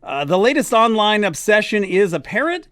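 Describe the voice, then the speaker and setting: Guy radio host, high bouncy voice, chatty wry news reading, dry studio sound. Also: very animated, normal speed, fairly bright tone, no echo. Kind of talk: reading news stories on air. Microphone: studio mic.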